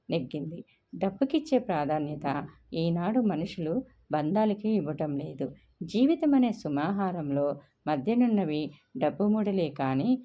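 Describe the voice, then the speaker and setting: A woman narrating a serialized love story in a steady, measured reading voice. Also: on the low side, muffled recording.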